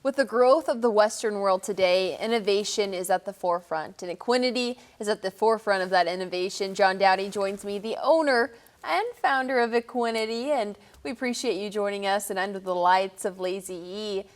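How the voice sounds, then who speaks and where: Upbeat woman hosting an interview. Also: medium pitch. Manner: upbeat and conversational, quick to laugh along. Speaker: show host and interviewer.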